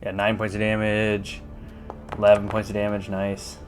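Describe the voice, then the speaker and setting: A man's voice: fairly low pitch, completely flat delivery, moderate pace, faint music behind. A man narrating a tabletop game as game master in a casual, conversational style. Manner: casual swearing.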